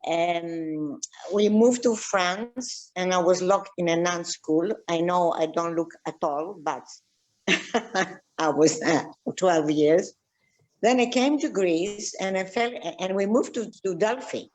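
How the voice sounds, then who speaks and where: An older woman from Egypt, a tour guide and archaeologist, chatting casually and slowly with many fillers and restarts. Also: lowish voice, darkish tone. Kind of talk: casual video-call chat.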